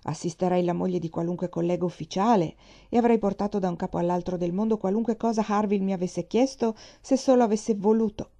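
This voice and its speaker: A woman's voice: medium pitch, fast talker, few pauses, dark tone, natural voice. A woman reading the part of a young male naval captain, dry and dismissive. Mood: wry.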